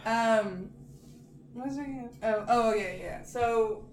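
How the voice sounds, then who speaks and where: A woman's voice: a little high, unhurried, a little mellow. A woman co-hosting a casual podcast about a movie, chatty and teasing, with frequent laughter. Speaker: podcast co-host. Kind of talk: casual movie recap chat. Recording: echoey room with clear background noise.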